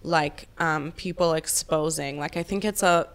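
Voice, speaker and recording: A woman's voice: deep voice, fairly even intonation, measured pace, smooth. A woman co-hosting a podcast, talking casually in a blunt, heated, sweary way. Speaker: podcast co-host. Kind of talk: casual, sweary opinionated chat.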